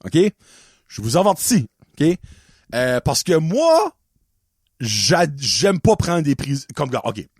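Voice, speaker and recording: Acadian french guy on his podcast, goes way up and down, high voice, laughs a lot, mixes in english. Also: takes it slowly, pauses often, husky, no room sound, studio quality. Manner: animated, laughs often, mixes in English words. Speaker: podcast host. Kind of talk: casual storytelling monologue.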